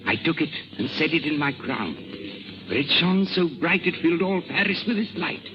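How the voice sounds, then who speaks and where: A man's voice: on the high side, lively intonation, moderate pace, background noise, lightly acted. Man playing a wry, crafty disguised king, wildly swooping. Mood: sly, musing. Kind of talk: 1930s radio drama acting. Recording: muffled 1930s radio broadcast with music.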